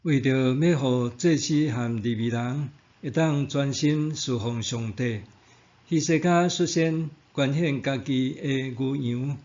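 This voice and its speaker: A slightly dull, lo-fi recording of a man narrating a scripted devotional. He has a Taiwanese Hokkien accent and a middle-pitched voice. His delivery is very slow, formal and measured. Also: darkish tone.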